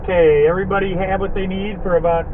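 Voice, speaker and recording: A man's voice: sits high, flat delivery, fast. A man working as a tour guide, chatting easily about local facts from inside a van, captured on old camcorder tape. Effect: old camcorder tape recording. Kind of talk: casual chat while guiding a tour. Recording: lo-fi camcorder tape with loud vehicle noise.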